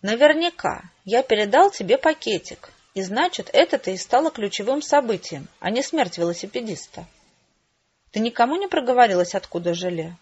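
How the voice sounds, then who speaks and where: A woman voicing a wry, unflappable middle-aged father in an audiobook, calm and ironic. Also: on the high side, fairly quick, breathy edge, muffled recording. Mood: thoughtful.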